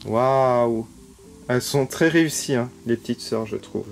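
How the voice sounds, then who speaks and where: A man's voice: mid-range voice, unhurried, vocal fry, very noisy. A man giving casual unboxing commentary as a toy vlogger, gushing with frequent delighted exclamations. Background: background music.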